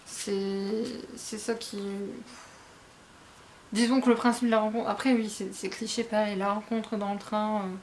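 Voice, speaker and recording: Her mid-range voice is level, unhurried and darkish, with a little hiss or hum in the background. A manga reviewer and book blogger, she chats casually and ramblingly with viewers, hesitating a lot, fixing her words, and tossing in frank asides.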